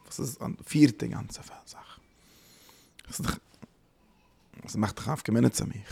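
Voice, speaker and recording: A man giving a spoken religious lecture as a teacher, halting and searching for words, often dropping in English terms. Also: on the low side, vocal fry, a little mellow, husky, in a whisper.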